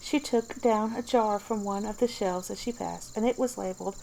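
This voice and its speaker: A woman narrates a storybook in a whispered ASMR style. Her tone is soft and dark at a middling pitch, with faint ambient noise behind her. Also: fairly even intonation, normal speed, vocal fry, poor audio. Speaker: storybook reader.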